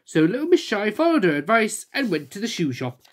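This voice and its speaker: A woman reading a children's storybook aloud, her pitch rising and falling in a lively way. She brings each character to life as she goes. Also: brisk, a little hiss or hum. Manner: expressive, voicing characters.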